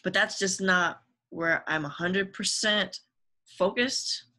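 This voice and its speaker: A young woman speaks as a podcast guest in a bright, clear tone at an ordinary pitch. She talks casually but earnestly, and grows upbeat and encouraging when she gives advice. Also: slow. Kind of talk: casual interview chat.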